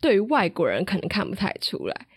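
A woman with a Taiwanese Mandarin accent joins a podcast chat as a guest and speaks earnestly at a fast clip. Her voice is fairly high and moves up and down a lot, recorded close and dry. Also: huge pitch swings, slightly rough, no room sound. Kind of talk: casual chat.

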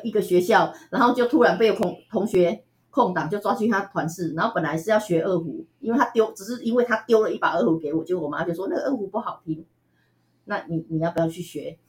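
A woman from Taiwan with a Taiwanese Mandarin accent, telling stories as an interview guest in a chatty, animated way with frequent laughs. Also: mid-range voice. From Tainan, Taiwan. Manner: chatty, animated, laughs often, many fillers. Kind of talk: casual storytelling interview.

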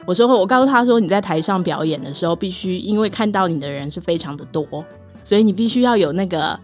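A woman's voice: on the low side, lively intonation, fast, darkish tone, faint music behind. A middle-aged woman with a Taiwanese Mandarin accent, co-hosting a podcast in casual chat and telling stories with acted-out quotes. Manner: chatty storyteller, acts out quoted dialogue. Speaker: podcast co-host.

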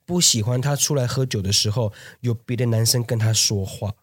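A man tells a story on a relaxed podcast, acting out the other people's lines as he goes. His voice sits at an ordinary pitch. It is recorded close and dry, with no room sound. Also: brisk, breathy edge, no room sound. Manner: animated storyteller who acts out quoted voices. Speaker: podcast co-host. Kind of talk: casual chat.

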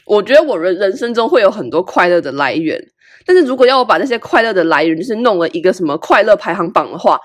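Animated young woman storyteller. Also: fast talker. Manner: candid and animated, with big swings in pitch. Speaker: podcast host. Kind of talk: casual solo storytelling.

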